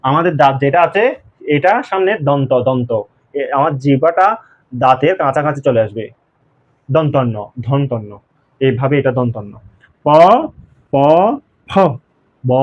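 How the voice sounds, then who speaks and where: Male teacher, patient repetitive drill delivery, muffled lo-fi audio. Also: a little high. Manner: repeats sounds slowly with drawn-out drills. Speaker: pronunciation teacher. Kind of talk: classroom lesson at a whiteboard.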